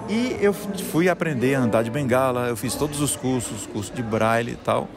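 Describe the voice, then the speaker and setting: A middle-aged musician and conductor from Salvador, Brazil, appears as an interview guest and earnestly recounts his personal story, often restarting phrases. His voice is medium-pitched and moderately paced, heard over a noisy crowd with music playing behind him.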